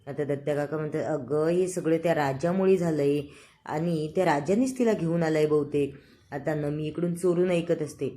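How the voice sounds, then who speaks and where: A woman retelling a TV serial episode in relaxed storytelling, briefly lifting her voice for each character's lines. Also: low voice, moderate pace. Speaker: serial episode recap narrator.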